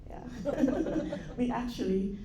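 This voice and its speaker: In a conference room that sounds dull and hall-like, with crowd noise, a Jamaican-accented woman in middle age, an assistant professor, gives a panel talk. She talks extremely slowly in a fairly high, expressive voice, chatting conversationally with fillers and small laughs.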